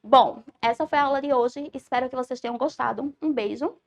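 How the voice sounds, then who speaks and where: Brief: Brazilian woman teacher, high voice with a gravelly fry, patient explaining tone. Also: brisk. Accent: Brazilian Portuguese. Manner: clear explanatory delivery, checks with "certo?". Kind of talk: recorded grammar lesson.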